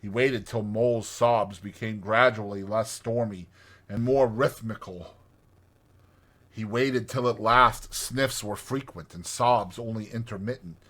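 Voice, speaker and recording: A man narrating a classic storybook in an expressive, dramatized audiobook style. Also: lowish voice, a little slow. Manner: expressive, literary reading.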